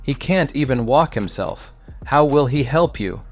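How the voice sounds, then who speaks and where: A man's voice: medium pitch, lively intonation, a little slow. A man voicing menacing, mocking village bullies who threaten the old man. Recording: slightly dull recording with soft music.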